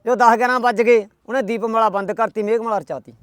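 Telling a folk tale fast, this storyteller has a high-sitting, steady, somewhat bright voice. His manner is homespun and talkative, and he never quotes anyone without noting who said it. No room sound colors the dry recording.

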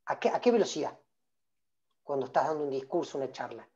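Over a video call, this Argentine-style Rioplatense coach of about forty runs an engaging workshop, peppering the audience with questions and naming participants. He talks fast and animatedly in a mid-range, slightly mellow voice, with muted, high-cut audio.

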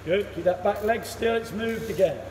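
A male cricket coach with a high voice runs a one-to-one session in an indoor cricket net hall, giving brisk, encouraging instructions and praise. The camera sits far off across the net, so his voice sounds distant in the echoey hall, with loud noise.

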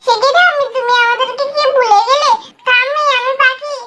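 Squeaky little girl Pakhi. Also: steady tone, sharp tone. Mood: excited. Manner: squeaky, rapid childish chatter. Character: little girl grandchild, excited and chatty.

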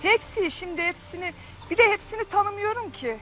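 A woman's voice: very high-pitched, expressive, a little fast, fairly bright tone, faint music behind. A young woman contestant answering a host's questions, a little shy and giggly. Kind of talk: on-camera interview answers.

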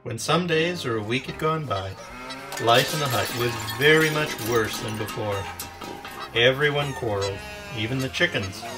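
A male pastor reading a children's story aloud in an expressive, lively way. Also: mid-range voice, normal speed, music in the background.

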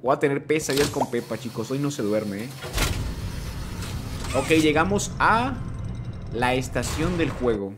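A man from Colombia with a Mexican-sounding Spanish accent, commentating a live game stream and greeting his chat, prone to sudden excited shouts. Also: medium pitch, unhurried, pauses often, background noise. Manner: excitable, bursts into shouts at scares. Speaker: gaming streamer.

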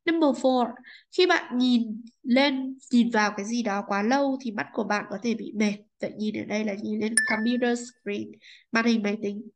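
Over poor audio, a woman leads an English textbook lesson in a slightly high voice at normal speed. She stays courteous and keeps tacking on brief tag questions to confirm her students understand.

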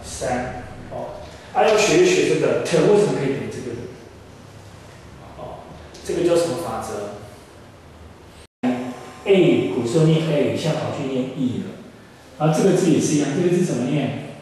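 A man's voice: mid-range voice, animated, moderate pace, long pauses, a little mellow, a little hiss or hum. A Taiwanese man in his forties teaching an English class, explaining and quizzing students with many questions. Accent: Taiwanese Mandarin. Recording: echoey hall recording from far off.

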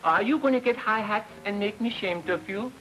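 An actor playing a gentle, sweet-natured man who coaxes his elephant in a soft, fussy way. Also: sits high, fairly quick, close to an everyday voice, poor audio. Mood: coaxing. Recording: 1940s film soundtrack with music.

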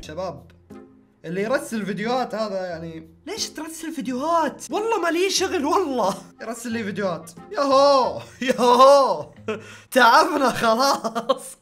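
Young guy vlogging, talks fast and jokey, laughs a lot, soft music under it. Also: high voice. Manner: playful, laughs often. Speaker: YouTuber host. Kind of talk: casual reaction vlog reading messages.

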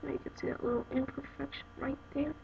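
Her voice is high and creaky with little pitch movement, and she talks quickly. She's a young adult vlogger doing a casual phone case unboxing, rambling and exasperated as she addresses her viewers, in a dull, noisy lo-fi home recording.

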